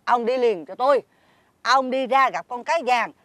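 A woman's voice: on the high side, moderate pace, fairly bright tone, slight background noise, close to an everyday voice. A woman with a Southern Vietnamese accent playing an older fisherman's greedy wife who scolds and makes demands. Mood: scolding. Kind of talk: fairy-tale drama acting.

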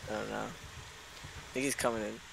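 A young man chatting casually while playing a co-op game, excitable and prone to loud yelps when startled. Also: fairly low pitch, moderate pace, vocal fry, a crowd in the background. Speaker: co-op gamer. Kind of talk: casual gaming chat.

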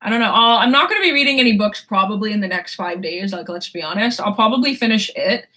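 Bright-voiced woman chatting about books. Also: mid-range voice, expressive, fast talker. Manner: rambling, swears often, laughs a lot. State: sore throat. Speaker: book vlogger. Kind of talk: casual chat.

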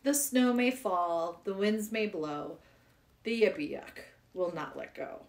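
A woman's voice: medium pitch, takes it slowly, creaky. A woman reading children's poems aloud in a playful, giggly way. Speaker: poetry reader.

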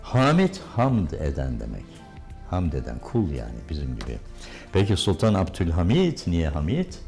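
An older man with a low, mellow voice teaches diction, correcting stress and vowel length with pointed examples. His pitch swings widely as he demonstrates right and wrong pronunciations. Soft music plays faintly behind him. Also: huge pitch swings, normal speed, vocal fry. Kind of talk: diction lesson.

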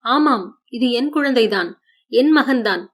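A distraught young mother in an audiobook story pleads in a lifted, higher voice, as a woman narrator puts her on. She sounds lost and bewildered, her words searching and insistent. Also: animated, a little slow, fairly bright tone.

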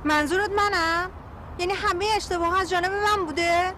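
An actress playing a bossy, quick-witted young woman who gives sharp orders and teases. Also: very high-pitched, steady tone, slight background noise. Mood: indignant. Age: young adult. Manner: sharp, commanding, teasing. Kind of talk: film dialogue.

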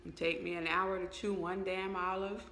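A woman's voice: fairly low pitch, flat delivery, normal speed, a bit bright, echoey room, a little hiss or hum. A woman giving a candid update vlog, hesitant with many fillers and eating while she talks. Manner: eating and chewing while talking. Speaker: vlogger.

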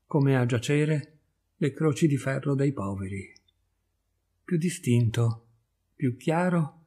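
A man reading a literary short story aloud in a measured, expressive audiobook narration. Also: medium pitch, breathy edge. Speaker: audiobook reader.

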